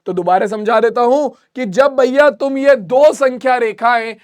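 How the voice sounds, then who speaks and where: A man with a high voice teaches a math lesson. He repeats each point and asks his students questions to check they follow. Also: unhurried, smooth.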